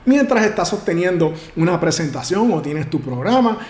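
A man coaching on public speaking, projecting his voice firmly with big deliberate swings in pitch. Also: sing-song, darkish tone. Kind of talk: instructional talk to camera. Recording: roomy echo.

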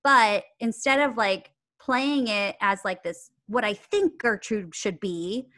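Speaking slowly in a mid-range, slightly bright voice, a woman acting coach chats casually as a podcast guest. She comes across as earnest and reflective, with occasional bursts of laughter.

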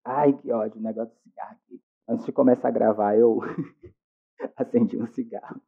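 Brazilian man with a smoker's rasp. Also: mid-range voice, fairly even intonation, moderate pace, narrow, tinny audio. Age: 20s. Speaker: podcast host. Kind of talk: casual spoken monologue.

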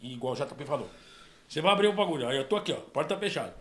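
A man hosting a podcast, telling funny stories in an animated, slangy, joking way. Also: a little high, rapid-fire. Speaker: podcast host. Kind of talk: casual chat.

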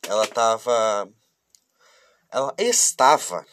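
Stuffed up from a cold, this Curitiba man from southern Brazil talks directly to his viewers in a rambling, confessional vlog. He sounds very animated yet slow, with medium pitch and a slightly bright tone, recorded cleanly in the studio with no room sound.

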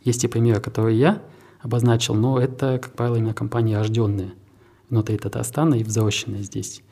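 In a dark-timbred voice that is low, husky and gravelly, a tech park head responds to an interviewer. He keeps a level tone and a businesslike, measured pace, sometimes backing up to restart what he was saying.

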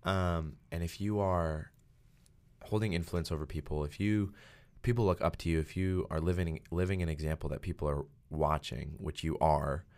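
A man's voice: low voice, steady tone, normal speed, darkish tone. A man hosting a podcast, talking casually about faith with many fillers and acting out quotes in a raised voice. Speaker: podcast host.

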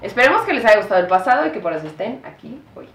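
A woman's voice: mid-range voice, sing-song, racing. A Mexican woman co-hosting a podcast, joking around in slangy casual talk and swearing freely. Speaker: podcast co-host. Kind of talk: casual chat. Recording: echoey room, mic far off, clear noise.

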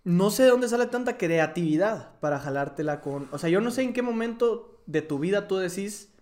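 A podcast host with a lilt jokes his way through the chat. His voice sits high for a man, and he keeps the banter quick and teasing. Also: expressive, darkish tone. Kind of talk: casual podcast chat reacting to videos.

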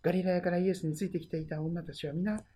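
A pastor preaching a sermon and retelling the story, often letting phrases trail into a hush. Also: medium pitch, steady tone, fast, breathy edge.

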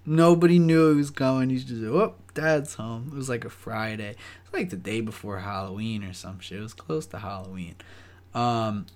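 A man's voice: lowish voice, moderate pace, darkish tone. A young man casually telling a story, rambling and swearing with lots of fillers. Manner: profane, rambling, full of fillers.

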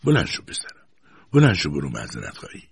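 Old grandmother, over 60, tender and patient, read by a male narrator, low husky storybook tone. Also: wildly swooping pitch, exaggerated voice. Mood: gentle. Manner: soft, tender and soothing. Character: gentle, loving old grandmother.

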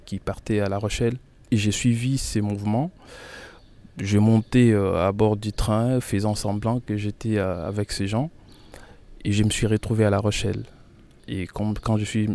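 A young man from Kinshasa, Congo, gives personal testimony in a radio interview, speaking hesitantly with many fillers and repeated words. His voice is on the low side and warm.

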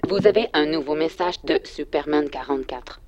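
A performer voicing a synthetic phone assistant that reads out directions and reminders in even, clipped announcements. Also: mid-range voice, normal speed, dull audio, crowd noise, lightly acted. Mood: flat. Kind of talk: voice assistant prompts.

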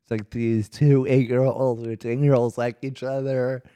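A young man co-hosting a podcast, chatting casually in a halting, slangy way. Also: medium pitch, flat delivery, mellow, smooth, no room sound, studio quality. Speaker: podcast co-host. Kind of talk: casual chat.

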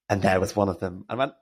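A British man, a drag storyteller, telling a story as a podcast guest, acting out the quotes with big leaps in pitch and gasps. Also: a little mellow, a little hiss or hum. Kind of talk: animated storytelling.

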